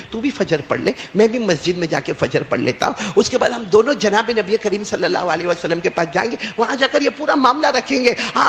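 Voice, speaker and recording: A man's voice: sits high, gravelly, a bit bright. A male preacher telling a story in a sermon, repeating phrases and calling on listeners to answer back. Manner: call-and-response, prompting listeners with "bolo"; repetitive, emphatic storytelling. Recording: echoey hall with faint noise.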